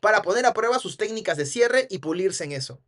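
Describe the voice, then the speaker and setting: A man's voice: sits high, animated, a little fast, a bit bright. A man teaching a sales course, explaining a book in a casual way. He often ends points with a tag question and acts out quoted dialogue in a livelier voice. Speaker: NLP trainer. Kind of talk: commenting on a book for students.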